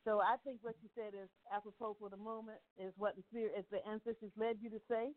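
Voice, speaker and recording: A woman's voice: mid-range voice, flat delivery, quick pace. Older woman on a phone line. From Virginia. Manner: earnest, encouraging, full of fillers. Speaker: call-in guest. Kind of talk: radio call-in chat.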